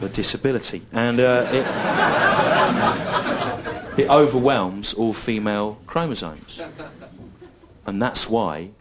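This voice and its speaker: A middle-aged man performing a stand-up comedy routine on a stage in front of a live audience, with dry, deadpan and repetitive phrasing. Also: on the low side, slow pace, long pauses. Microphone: stage microphone. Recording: live show recording with audible noise. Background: audience laughter.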